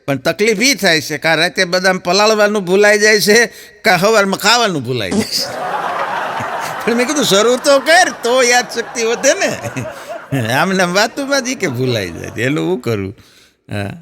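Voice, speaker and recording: A man's voice: high voice, very animated, normal speed. A middle-aged man with a Saurashtra Gujarati accent, telling stand-up jokes in a chatty storytelling way and chuckling at his own punchlines. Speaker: stand-up comedian.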